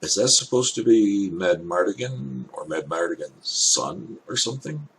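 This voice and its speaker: An older man with an elderly-sounding voice gives casual off-the-cuff commentary, thinking aloud in halting, hesitant phrases. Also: sits low, animated, fairly bright tone, low-quality recording. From Canada. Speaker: reaction video host. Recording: clear background noise.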